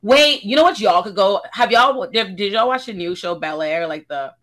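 A woman co-hosting a casual online panel show, chatty and animated as she jumps between topics. Her voice is bright and carries a clear edge. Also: medium pitch, moderate pace. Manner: animated, chatty, plugs her own work. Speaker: panel co-host.

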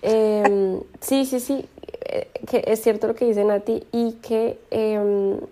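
A woman co-hosting a podcast, giving thoughtful, measured advice and restarting her sentences as she goes. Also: a little high, fairly even intonation, mellow. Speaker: podcast co-host. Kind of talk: casual chat.

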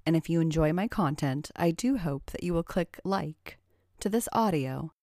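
A woman narrating a story in a measured, even way and hosting her own audio channel. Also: low-pitched, dry recording, studio quality.

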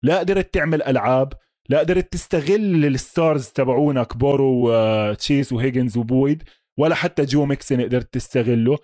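Co-hosting a laid-back American football conversation on a sports podcast, this man speaks with a Levantine Arabic accent, talking emphatically while mixing in English sports vocabulary and checking questions. He has a warm, mid-range voice and talks a little fast, captured in studio quality with no echo.

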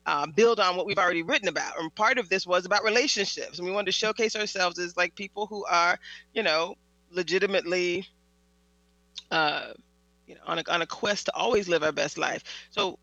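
A woman hosting a conversational interview, animated and quick to laugh, with frequent restarts. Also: on the low side, dry recording, lo-fi sound. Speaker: host.

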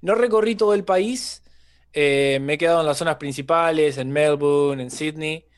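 A man with an Argentine Rioplatense accent, a guest comedian chatting casually in a relaxed way, often chiming in with short agreements. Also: on the high side, clean tone. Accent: Rioplatense Spanish. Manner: relaxed, many quick agreeing replies. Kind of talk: casual chat.

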